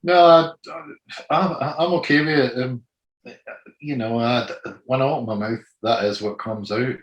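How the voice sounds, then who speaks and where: A man in his sixties with a gritty, gravelly voice, chatting loosely as an interview guest, full of "you know". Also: medium pitch, a little slow, echoey room, highs cut off. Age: 60s. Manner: rambling, full of "you know", laughs easily. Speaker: guest singer. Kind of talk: casual interview chat.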